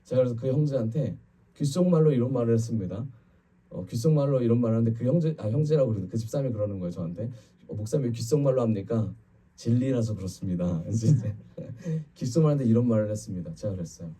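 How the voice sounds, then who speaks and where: A man preaching a Friday evening sermon, talking to the congregation in an easy, conversational way. His voice is very dark and a little husky. The mic sits some way off, so he sounds distant in the sanctuary. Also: medium pitch, racing. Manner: conversational preaching, quotes people in lively voices. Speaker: pastor. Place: church sanctuary.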